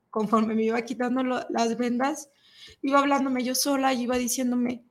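A woman, a talk show guest, candidly and emotionally recounting a personal experience. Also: on the high side. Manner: emotional, candid, animated retelling. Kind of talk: personal storytelling.

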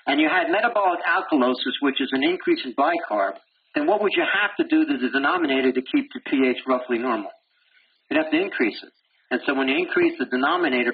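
A man giving a medical lecture who quizzes his class and answers himself, with blunt, wry humor. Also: mid-range voice. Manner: animated, asks the class questions and answers them himself. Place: lecture room. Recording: dull lo-fi lecture recording with faint hiss.

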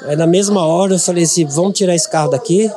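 A man's voice: sits high, fast, music in the background. Middle-aged man telling an earnest story. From Brazil. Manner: earnest, repeats words for emphasis. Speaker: podcast guest, businessman. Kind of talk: emotional personal storytelling.

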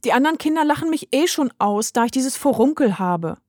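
A woman doing an excitable little girl. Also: high-pitched, a little fast, no room sound, clean studio sound, pitched above the performer's own voice. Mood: excited. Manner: eager, excited, blurting. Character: excitable, forthright young girl.

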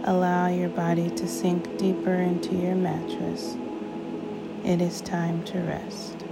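A woman guides a sleep meditation like a sleep story narrator, soothing and unhurried, with long pauses between short phrases. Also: on the low side, completely flat delivery, vocal fry, poor audio. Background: music.

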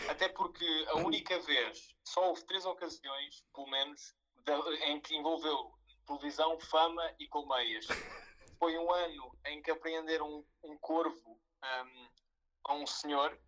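Bright-voiced man with a European Portuguese accent. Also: a little high, fairly even intonation, moderate pace, low-quality recording. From a village near Leiria, Portugal. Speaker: podcast guest calling in. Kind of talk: casual chat.

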